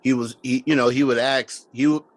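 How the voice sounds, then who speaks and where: A man's voice: medium pitch, a little fast, no echo. A man from Memphis, chatting as a guest producer on a podcast and often restarting his sentences. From Memphis, Tennessee, US. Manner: relaxed, frequent restarts and "you know what I'm saying". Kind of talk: casual podcast interview chat.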